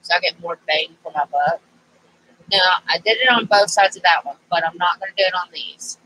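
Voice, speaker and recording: A woman's voice: fairly low pitch, brisk, pushed and bright, a little hiss or hum, rough recording. A woman hosting a casual craft tutorial, chatty and thinking aloud, her voice stuffy and nasal from allergies. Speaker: craft channel host.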